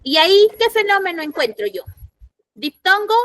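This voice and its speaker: A woman's voice: very high-pitched, very animated, normal speed, bright, forceful tone. A woman teacher giving an online school lesson, quizzing her students and repeating the key points. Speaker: secondary school language teacher. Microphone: computer mic in an online class.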